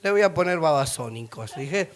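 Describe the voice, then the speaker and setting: A middle-aged male pastor with a Rioplatense Spanish accent and a notably high voice for a man. He preaches with humor, slipping into other people's voices, singing short bits and laughing as he tells family stories. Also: moderate pace. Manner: animated, acts out voices and sings snippets, laughs often. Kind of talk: humorous sermon storytelling.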